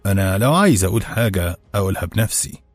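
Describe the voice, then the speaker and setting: A man's voice: on the low side, expressive, very fast, dry recording, faint music behind. A man voicing an unbothered, dismissive barman with an Egyptian accent. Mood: cool. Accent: Egyptian Arabic. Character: calm, scornful male barman smoking a water pipe.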